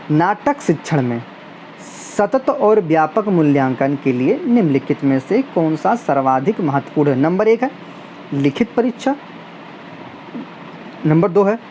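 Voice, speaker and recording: A woman's voice: lowish voice, dark tone. A woman teacher reads out multiple-choice test questions and their options, then explains which answer is right, with a faint hiss behind her. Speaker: exam prep teacher. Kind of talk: reading and explaining quiz questions.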